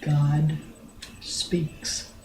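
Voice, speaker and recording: Slow, rambling older woman storyteller. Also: low-pitched, little pitch movement, background noise. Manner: slow and drawn out, many pauses and restarts; blunt, earthy, with mild swearing. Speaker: grandmother telling a family story. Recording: roomy home recording.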